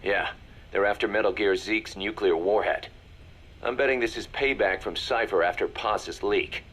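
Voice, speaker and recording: A male actor voices a serious second-in-command in a video game's military setting, giving a measured, businesslike briefing. His voice is lowish, husky and fairly bright.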